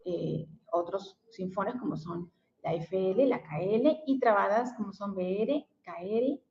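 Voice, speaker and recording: Unhurried and mid-range, a woman from Mexico delivers an explanatory special education lesson full of fillers and tag questions. The recording has a dull, lo-fi sound in an echoey room.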